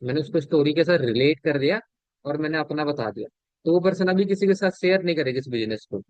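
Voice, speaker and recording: A man coaching a sales team in an informal talk. He keeps asking whether they understand, repeats his points, and changes his loudness and speed to demonstrate. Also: a little high, fast, no room sound. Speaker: sales business trainer. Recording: dull lo-fi audio, dry.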